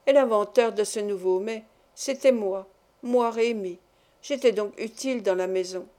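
Mellow-voiced woman narrating a classic novel. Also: medium pitch, moderate pace. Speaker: audiobook narrator. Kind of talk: literary audiobook narration.

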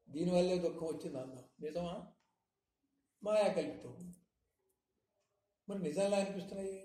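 A man giving a spiritual discourse, teaching with frequent rhetorical questions in a measured, emphatic manner. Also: on the high side, mellow. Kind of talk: satsang discourse. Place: hall in Hyderabad. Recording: echoey room, faint noise.

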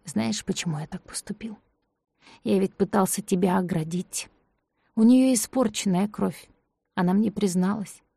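A woman reading an audiobook voices a sick, manipulative man who speaks low, quiet and controlled. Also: fairly even intonation, unhurried, no echo, studio quality. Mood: soothing. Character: sick, manipulative male accomplice, calm and cold.

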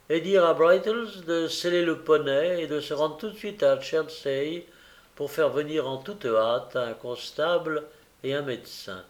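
A man reading a classic novel aloud as an audiobook narrator, with a measured, expressive delivery. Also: on the high side. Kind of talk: scripted narration.

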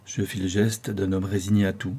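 Male audiobook narrator, dark and husky, measured and expressive. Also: sits low. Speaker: audiobook reader. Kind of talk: scripted novel narration.

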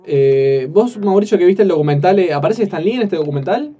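A man co-hosting a radio show, chatty and quick with asides. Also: high voice, lively intonation, mellow.

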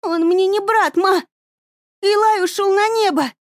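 A woman voicing a brave, protective teenage girl who speaks high and insistently, in an audiobook reading. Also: moderate pace, dry recording, studio quality. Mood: defiant.

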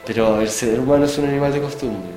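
A man with a Chilean accent hosting a casual radio chat, telling rambling anecdotes in a relaxed, chuckling way. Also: mid-range voice, quick pace. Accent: Chilean Spanish. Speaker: radio show host. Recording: echoey room with music behind.

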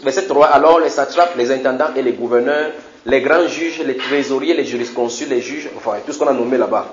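A man's voice: mid-range voice, a little fast, roomy sound, lo-fi sound, background noise. A man preaching a sermon in a church, teaching animatedly with frequent repetitions and questions to the congregation. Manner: animated, repeats words, asks the congregation questions.

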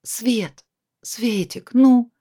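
A woman's voice: fairly high pitch, extremely slow, dark tone, slightly rough, pitched above the performer's own voice, full character voice. A woman reading a storybook voices an adult woman who scolds and then coaxes her friend. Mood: soothing.

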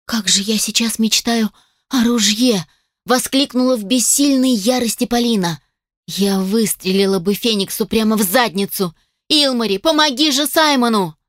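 A woman's voice: on the high side, normal speed, no echo, lightly acted. A frightened young woman, read by a female narrator, exclaims in a raised, frantic voice, close to tears. The reading is dry, close to the microphone. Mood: outraged.

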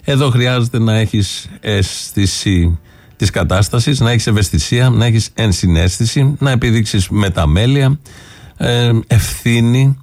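A man's voice: medium pitch, a little mellow, dry recording. A man hosting a radio political commentary show, sarcastic, listing his points one by one. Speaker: radio host.

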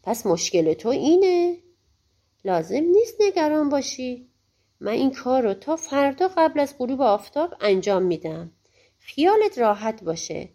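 A woman's voice: sits high, big pitch swings, mellow, full character voice. A woman voicing a loyal male talking wolf in a storybook, reassuring and urging.

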